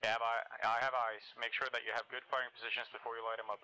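Sharp, commanding man on military radio. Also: medium pitch, little pitch movement, rapid-fire, clean tone, rough recording. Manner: clipped, commanding, swearing. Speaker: platoon leader. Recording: faint noise, radio clicks, gunfire.

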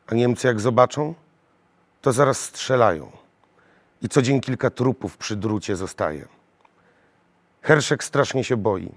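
A theatre actor giving a measured, emotionally weighted recitation of a poem. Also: male voice, medium pitch. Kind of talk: dramatic poetry recitation.

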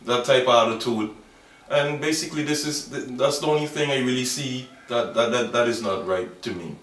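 In an outdoor documentary interview by a wall in a yard, a man in his thirties with a Bahamian accent speaks at medium pitch with a fairly bright tone. He is sincere but stops and restarts often, leaning on fillers. A distant camera mic gives the recording an echoey, off-mic quality.

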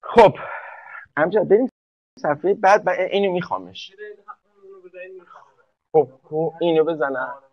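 A man's voice: sits high, pauses often, dry recording, lo-fi sound. A man teaching English for an entrance exam in a live online class, joking and speaking directly to students one by one.

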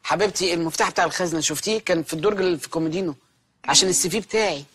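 An actor playing a joking, jobless husband in a film comedy, with an Egyptian Arabic accent and a playful, mock-apologetic way of talking. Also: male voice, high voice, racing, fairly bright tone, husky. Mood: wheedling.

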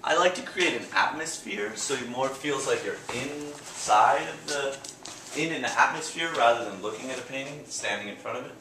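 Interviewed at his own exhibit, a young man from Canada chats casually about his paintings, medium-pitched and at normal speed, rambling with fillers and restarts. It's recorded on a nearby handheld camera in an echoey indoor gallery with background noise.

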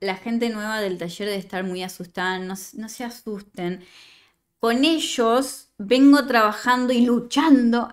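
Brief: woman, writing workshop leader, reads student stories aloud, chatty and teasing, fairly high voice. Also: unhurried. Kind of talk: reading student work aloud and giving feedback.

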